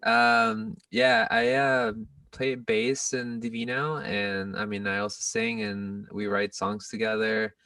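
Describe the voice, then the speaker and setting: A man, a band bassist, speaking haltingly with restarts in a casual interview. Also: gravelly, bright, forceful tone, no echo, distant mic. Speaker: bassist, guest.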